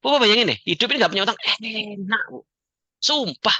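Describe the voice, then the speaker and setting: A man giving a joking, animated motivational talk to an audience as the founder of a community. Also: sits high, brisk, no room sound. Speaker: founder and coach of a debt-free community.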